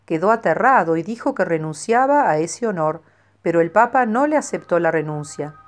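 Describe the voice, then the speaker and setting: Woman, devotional narration, calm measured reading, lowish voice. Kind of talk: scripted narration of a saint's life.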